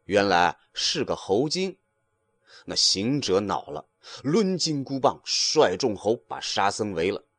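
A man narrating a classic storybook tale with a dramatic touch. He speaks slowly, and his pitch rises and falls widely. The recording is close and dry. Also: very animated, fairly bright tone, no echo.

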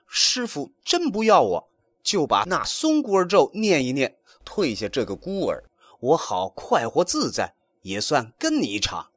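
Sun Wukong, a man doing a high brash monkey king. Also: wildly swooping pitch, a little slow, fairly bright tone, no room sound, heavily acted. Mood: boastful. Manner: pleading, boastful, high strained cries.

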